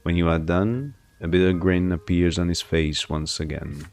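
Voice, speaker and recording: A man's voice: sits low, steady tone, moderate pace, a little mellow. A man streaming, reading a narrative game aloud with his own commentary and musing over how words are pronounced. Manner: muses aloud over word pronunciation.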